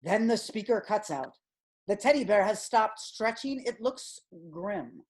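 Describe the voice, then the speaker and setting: A woman narrating a comic audio play in a deadpan, measured way. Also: medium pitch. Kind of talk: scripted narration.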